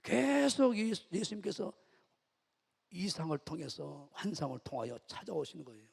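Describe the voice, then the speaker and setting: Male pastor, middle-aged, sermon, high lively voice, gravelly husky tone, long church reverb. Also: normal speed. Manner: animated storytelling with rhetorical questions to the congregation. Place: church sanctuary.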